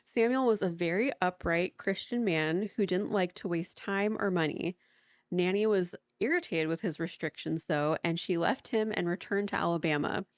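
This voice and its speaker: A woman's voice: on the low side, moderate pace, no room sound. A woman co-hosting a podcast, telling a story in a casual, chatty way with lots of "like" and frequent laughter. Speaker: podcast co-host. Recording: dry, dull lo-fi sound.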